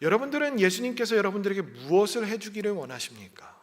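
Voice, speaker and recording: A man's voice: high voice, animated, quick pace, big-room sound. A male pastor giving a Sunday sermon in a conversational storytelling way, acting out little dialogues. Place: church sanctuary.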